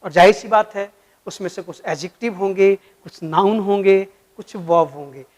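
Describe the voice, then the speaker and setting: A man's voice: high voice, normal speed, low-quality recording. A man giving an explanatory video lesson as a vocabulary teacher, patient and friendly, spelling out words letter by letter for his viewers.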